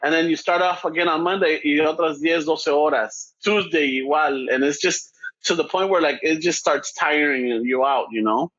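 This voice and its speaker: A man with a fairly high voice tells stories in a loose, rambling way and swears freely. He drifts between English and Spanish as he talks. The recording sounds dull and lo-fi. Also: moderate pace. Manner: rambling, animated storytelling with profanity. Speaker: podcast co-host. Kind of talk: casual chat, switching between English and Spanish.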